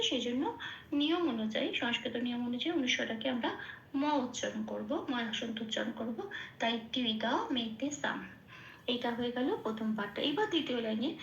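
A woman with a high voice walks through recitation pronunciation patiently, breaking each word into slow syllables with soft fillers in between. The sound is roomy and a bit dull, with a faint hiss under it. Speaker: Gita recitation teacher. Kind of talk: patient step-by-step pronunciation lesson.

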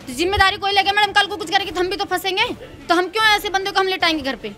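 A woman's voice: extremely high pitch, fast talker, bright, forceful tone, soft background music. A woman from the in-law family, talking outdoors outside the house and arguing defensively against the accusations. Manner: argumentative, defensive. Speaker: in-law of the interviewee. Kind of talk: street interview.

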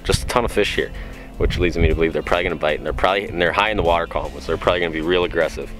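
A man's voice: low voice, very fast, music in the background. A young man hosting a fishing channel, chatting upbeat on a frozen lake and explaining his gear to the camera held at arm's length. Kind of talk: casual outdoor vlog. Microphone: camera close up, held at arm's length. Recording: loud wind noise on the mic.

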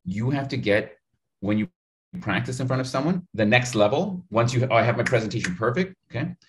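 Recorded at home on a studio mic visible in the video call, a man in his thirties gives spirited public speaking advice in an interview. He talks fairly quickly in a mid-range voice, animated and gesturing, facing the viewer directly, with slight background noise.

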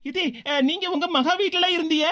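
A woman's voice: very high-pitched, fairly even intonation, pushed and bright. A woman voicing a meek, chatty young village daughter-in-law in a cartoon, with a Tirunelveli Tamil accent. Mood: pleading. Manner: quick, pleading, deferential. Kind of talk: cartoon voice acting.

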